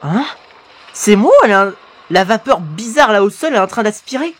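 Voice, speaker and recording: A young man reacting to a monster animation as a YouTuber, excitable and bursting into shouts and slang. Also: high-pitched, fairly quick.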